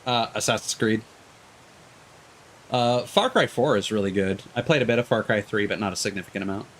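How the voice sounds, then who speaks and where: A game streamer and host with a somewhat deep, fairly bright voice rambles casually while playing, talking a little fast. He's hesitant and discursive, stopping and starting, doubling back on phrases and swearing casually. A light hiss sits under the recording.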